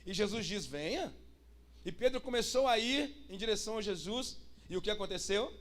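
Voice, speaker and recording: A man's voice: sits high, brisk, fairly bright tone. A pastor, preaching a sermon and putting rhetorical questions to his congregation. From Brazil.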